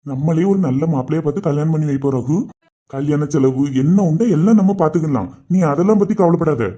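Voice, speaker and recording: Man playing an uncle, firm, reassuring, slightly high voice. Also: quick pace, mellow, lightly acted. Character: steady uncle, calming and advising the family.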